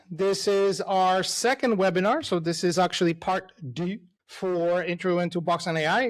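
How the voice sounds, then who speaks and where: A middle-aged company CEO from El Salvador, his voice a little high, gives a casual, enthusiastic webinar presentation. He uses frequent fillers and drops in "right?" asides.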